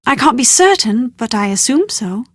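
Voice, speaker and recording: A posh, high-voiced young British woman from an adventure game speaks at normal speed in scripted character dialogue. Chatty, quick to exasperation, and somewhat anxious, she sounds confiding and earnest, her wordy, expressive lines captured in a close, dry recording.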